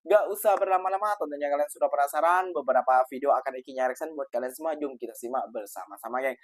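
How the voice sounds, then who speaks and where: A man's voice: on the high side, quick pace, no echo. A man hosting a reaction video, talking in a chatty way to his viewers and calling them "geng" again and again. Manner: chatty, says "geng" constantly. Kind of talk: casual reaction commentary.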